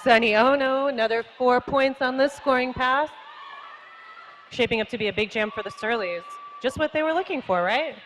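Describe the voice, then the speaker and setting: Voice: high voice, moderate pace, poor audio. A roller derby commentator calling jams live in a chatty, casual way, with lots of fillers and easy laughter.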